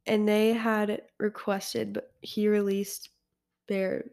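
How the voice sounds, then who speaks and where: Soft flat-voiced girl reading aloud. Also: medium pitch, slow pace, creaky.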